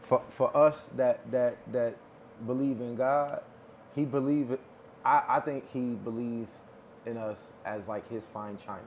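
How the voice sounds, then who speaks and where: A man co-hosting a podcast, talking casually and soft-spoken, often stumbling over and repeating words. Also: mid-range voice, steady tone, a little slow, slight background noise. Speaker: podcast co-host.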